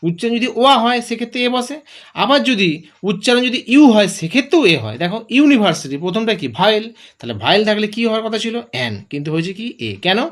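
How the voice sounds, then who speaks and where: A male teacher walks through grammar rules step by step. His voice sits high and rises and falls with lively emphasis. He keeps asking his own questions and answering them. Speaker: English teacher.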